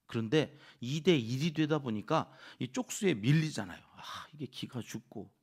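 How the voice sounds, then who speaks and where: A male pastor giving an early-morning sermon in a church, lively and acting out what others say. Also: medium pitch, normal speed, slightly rough. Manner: lively, acts out quoted speakers. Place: church sanctuary.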